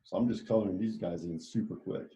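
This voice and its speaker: A man's voice: low-pitched, a little fast, warm tone. A man teaching a children's art lesson, talking chattily and enthusiastically as he walks them through each step. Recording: echoey room.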